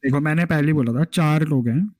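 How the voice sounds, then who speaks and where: A young man with an Indian accent talks through his views on a podcast in an earnest, explanatory way. His voice sits a little high for a man. The recording is dry and close. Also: fairly quick, a little mellow, dry recording. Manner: earnest, explains at length, mixes Hindi and English. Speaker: podcast host. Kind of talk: casual chat.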